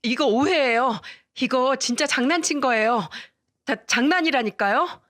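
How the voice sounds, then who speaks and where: A woman voicing a scheming young wife in a storybook reading, her voice pushed high and whiny. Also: animated, moderate pace, fairly bright tone, dry recording, studio quality, close to an everyday voice. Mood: pleading.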